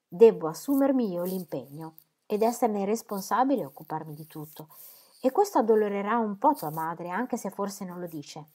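A woman voicing a calm, caring older father who speaks gently and warns kindly, in an audiobook reading. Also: mid-range voice, normal speed, pitched above the performer's own voice, natural voice.

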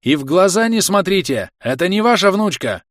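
A man voicing a pale, urgent young monster hunter who shouts warnings. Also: high voice, sing-song, moderate pace, dry recording, clean studio sound, pitched above the performer's own voice. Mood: alarmed.

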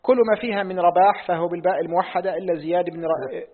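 A man's voice: high voice, fairly even intonation. A man reading a classical text aloud to his teacher in a lesson, repeating lines when asked. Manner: reads quickly, repeats lines on request. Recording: tinny phone-like audio in a reverberant hall.

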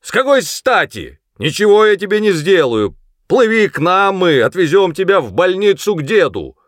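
A man voicing a gruff police sergeant who shouts orders across a river. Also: lowish voice, sing-song, normal speed, no room sound, studio quality. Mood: shouting. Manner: loud shouting and commanding.

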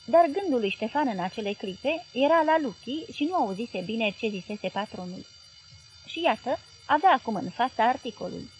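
A woman narrating a literary audiobook in a measured, clear reading style. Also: a little high, animated, a little hiss or hum.

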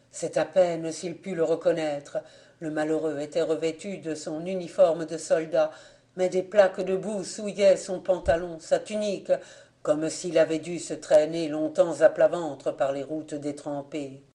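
A man narrating an audiobook of an old folk tale in a slow, measured and dramatic way. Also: fairly high pitch, mellow. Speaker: audiobook reader.

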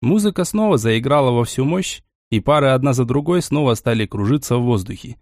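A man narrating a first-person audiobook in an expressive storytelling manner. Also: medium pitch, a little fast, no echo, studio quality.

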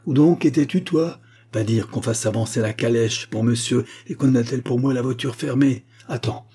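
A man's voice: medium pitch, moderate pace, mellow, slightly rough, natural voice. A man voicing a proud, wealthy man, offended and imperious toward those around him.

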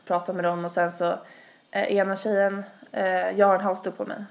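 A woman's voice: mid-range voice, flat delivery, gravelly. Chatty young woman telling a story. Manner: rambling, full of fillers and acted quotes. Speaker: podcast host. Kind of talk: casual chat, storytelling.

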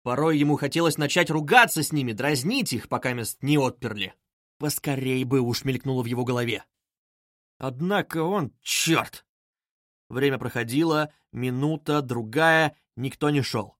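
A man narrating a classic novel aloud in a dramatic, expressive style. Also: mid-range voice, normal speed, no room sound, clean studio sound. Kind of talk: literary audiobook narration.

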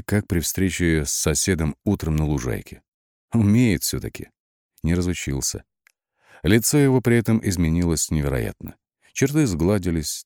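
A man narrating an audiobook in the first person, with lively, wry storytelling and shifting emphasis. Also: low voice, dry recording, clean studio sound.

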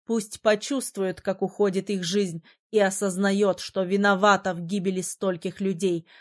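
A woman voicing a cruel female mermaid leader who sneers and threatens slowly. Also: mid-range voice, little pitch movement, natural voice. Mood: menacing.

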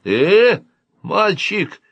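A man's voice: high voice, big pitch swings, extremely slow, vocal fry, dry recording, highs cut off, voice pushed up, exaggerated voice. A man voicing a smug, patronizing alien security officer who speaks from inside a boy's head. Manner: soothing, patronizing.

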